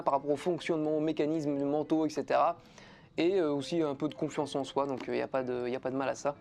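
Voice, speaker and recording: A man's voice: a little high, darkish tone. A man chatting casually as a personal development vlogger, hesitant with many fillers and restarts, enthusiastic about what he unpacks. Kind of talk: casual unboxing vlog.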